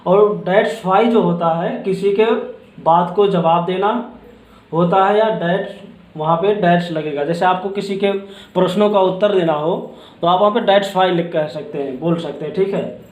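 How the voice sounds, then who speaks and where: A man teaching a spoken grammar lesson, explaining slowly and checking in with "ठीक है" after each point. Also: high-pitched. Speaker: English teacher. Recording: echoey room.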